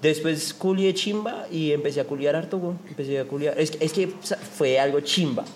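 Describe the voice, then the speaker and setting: A man's voice: a little high, brisk, slight background noise. A young man with a Colombian accent, telling crude, joking stories in a casual chat full of slang.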